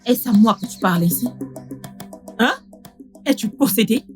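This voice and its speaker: A woman's voice: on the high side, animated, moderate pace, a little mellow, faint music behind, natural voice. An actress playing a mother in a dubbed film, scolding her defiant daughter with indignation. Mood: indignant. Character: scolding middle-aged village mother.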